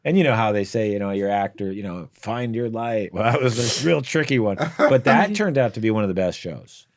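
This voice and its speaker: Low-voiced man telling rambling stories. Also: very animated, a little fast, no echo, clean studio sound. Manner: rambling anecdotes with fillers and laughs. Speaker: guest comedian. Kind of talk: casual storytelling. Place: podcast studio.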